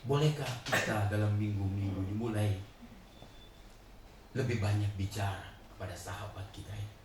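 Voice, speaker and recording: Older man preaching in an echoey church. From Indonesia. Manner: swings from hushed and low to loud, laughing shouts. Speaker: pastor. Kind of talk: sermon. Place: large church hall. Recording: echoey hall, distant mic, faint hiss.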